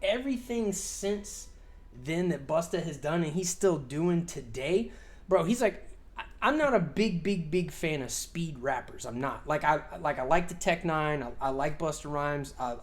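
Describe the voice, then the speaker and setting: A man's voice: on the high side, moderate pace. A man in his forties talks loosely on a podcast, rambling with plenty of fillers and casual swearing. He laughs easily and drifts from point to point. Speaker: podcast co-host.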